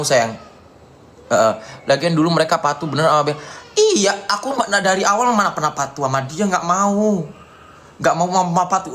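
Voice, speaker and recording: A man from Indonesia in a live stream rant, angrily insulting someone in a repetitive, taunting tirade while answering viewer comments, filling pauses with "ya". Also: sits high, a bit bright. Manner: repetitive, peppered with "ya".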